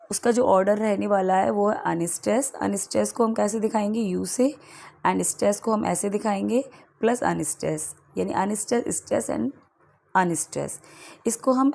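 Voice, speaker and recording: Indian woman teaching, gravelly and husky. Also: mid-range voice, darkish tone, rough recording. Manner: explains step by step, reads English questions slowly. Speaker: English literature teacher. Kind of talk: exam-prep lecture.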